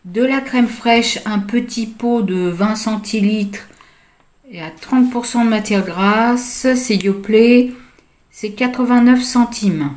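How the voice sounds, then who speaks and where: A woman's voice: fairly high pitch, takes it slowly, a little mellow. A woman, likely middle-aged, casually walking through her grocery haul in a vlog, hesitant with many fillers as she reads out prices.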